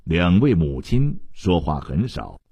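A man reading a literary novel aloud as an audiobook narrator, in a measured, expressive storytelling manner. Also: low voice, slightly rough, dry recording.

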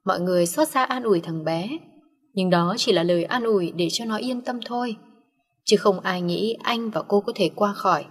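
A woman narrating a dramatic audio story with an emotive, involved reading. Her voice sits at a middle pitch for a woman. The recording carries a long reverb, as if in a hall. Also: moderate pace, husky.

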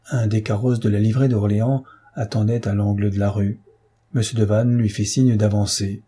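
A man reading a historical novel aloud in a measured, even storytelling manner. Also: lowish voice, breathy edge. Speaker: audiobook reader.

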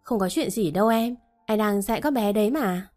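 A woman's voice: mid-range voice, a little fast, darkish tone, soft background music, lightly acted. A woman voicing an abusive middle-aged man who blusters and threatens a young maid. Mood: coaxing. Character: bullying middle-aged man, the mistress's partner.

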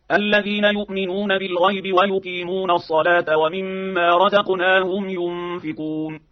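A man reciting scripture in a measured chant, from an old radio archive. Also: sits high. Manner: chanted, even, measured delivery. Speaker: Quran reciter. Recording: dull lo-fi archive radio recording.

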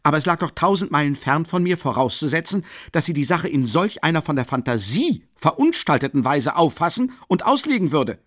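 A man doing a pompous, haughty gentleman. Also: fairly high pitch, sing-song, fairly quick, hardly any pauses, no echo, studio quality, pitched above the performer's own voice. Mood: indignant. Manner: haughty, stiff, indignant. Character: pompous offended middle-aged gentleman suitor.

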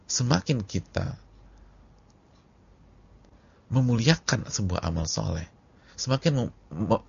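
A man gives an animated sermon in a husky, gravelly voice. His casual slang and sudden swings between loud and hushed keep it lively. The lo-fi recording sounds dull. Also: fairly low pitch, slow pace. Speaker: preacher.

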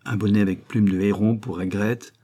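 A man narrates a classic novel in a measured, literary manner. His voice is low and mellow, with a husky edge. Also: steady tone. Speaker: audiobook narrator.

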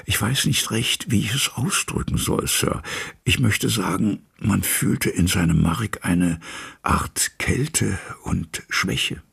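A man voicing a loyal, frightened old male manservant who drops into hushed whispers, with a gravelly, husky voice. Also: deep voice, takes it slowly, voice pushed up, full character voice. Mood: uneasy.

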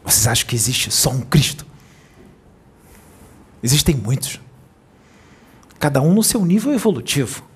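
A man's voice: mid-range voice, very animated, normal speed, pauses often, slightly rough. A man speaking as a spiritual medium, giving a channeled sermon in an admonishing tone and asking many rhetorical questions.

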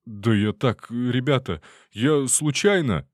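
A man plays a frightened, whining middle-aged trespasser who stammers and pleads to be let go. His medium-pitched voice is raised above his natural register yet stays close to everyday speech. He talks slowly, and the clean studio recording has no room sound.

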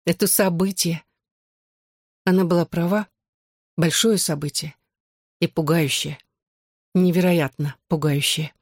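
A woman reads a novel aloud in calm, even narration. Her voice sits fairly low. The recording is close and dry, with no room echo. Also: measured pace, pauses often. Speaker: audiobook reader. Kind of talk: scripted narration.

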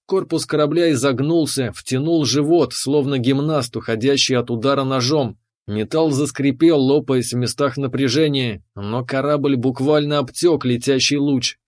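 Tense male audiobook narrator. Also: mid-range voice. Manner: tense dramatic reading. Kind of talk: first-person audiobook narration.

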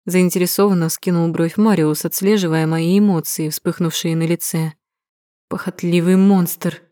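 A woman's voice: on the low side, fairly even intonation, normal speed, dark tone, dry recording. A woman narrating a romance novel in the first person, reading expressively and dramatically on a close mic. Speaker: audiobook narrator.

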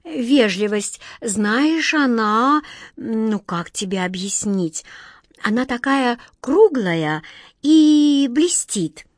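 A woman voicing a flustered, clumsy young girl who pleads in a high, hurried voice. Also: animated, no room sound, studio quality. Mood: fibbing.

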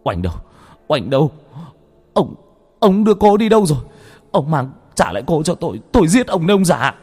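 A man's voice: deep voice, animated, a little slow, husky, soft background music, full character voice. Man voicing a crazed young man, unhinged, raving, swinging up and down. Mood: frantic. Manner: raving, shouting, manic laughter.

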